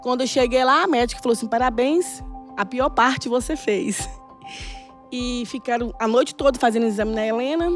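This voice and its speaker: Woman, middle-aged, animated storytelling, lots of acted-out dialogue, faint music behind. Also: on the high side, normal speed. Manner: animated, laughing often, acts out dialogue. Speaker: church guest sharing a testimony. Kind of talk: casual storytelling testimony.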